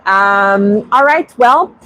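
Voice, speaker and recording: Bright, animated, and forceful in a mid-range voice, a French-accented Québécoise hosts a casual livestream for her bird-keeping channel in her second language, English. She goes at an easy pace, restarts frequently, and reads viewer comments, all on a rough recording.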